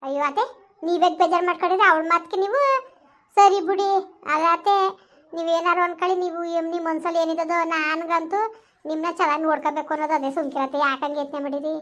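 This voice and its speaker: A woman's voice: very high-pitched, fairly even intonation, fast, a bit bright. A woman playing a young village daughter-in-law in an amateur family skit, talking in a soothing, earnest, reassuring way.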